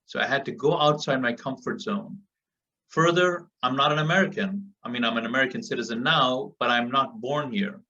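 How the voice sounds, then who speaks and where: Fairly quick and forceful, a man from Africa with a bright, mid-range voice gives an earnest motivational speech to a group call. Repetition is his tool for driving points home. The call audio sounds muffled and distant.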